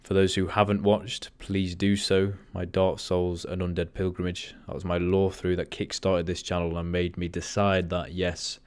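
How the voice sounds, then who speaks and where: A man with a deep, low voice talks in a flat monotone during a casual livestream. He rambles and keeps getting sidetracked. The sound is close and dry, with no room echo. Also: normal speed, hardly any pauses, clear, resonant tone. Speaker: livestream host.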